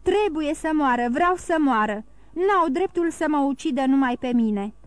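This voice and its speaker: A woman doing a desperate condemned man shouting. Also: high voice, expressive, dry recording. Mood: frantic. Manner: shouting in panic.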